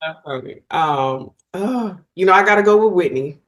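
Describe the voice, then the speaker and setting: A middle-aged woman, a singer, talking as a guest in a casual interview, animated and effusive, often restarting her sentences. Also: lowish voice, moderate pace.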